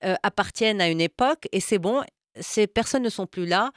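Smooth-voiced woman interviewer. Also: mid-range voice, expressive, a little fast, no echo, clean studio sound. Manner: searching, repeats words while building questions. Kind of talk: interview questions.

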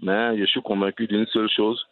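Ivorian man, cycling advocate guest, earnest, lowish voice, dry thin phone-like audio. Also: level tone, normal speed, no echo. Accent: Ivorian French. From Côte d'Ivoire. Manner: earnest, restarts phrases often. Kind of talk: radio interview answers. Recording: dry, tinny phone-line sound.

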